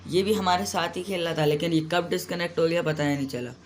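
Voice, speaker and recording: A man's voice: on the high side, fast talker, slight background noise. Chatty young man narrating gameplay. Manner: chatty, rambling, self-deprecating. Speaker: gaming YouTuber. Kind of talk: casual gameplay commentary.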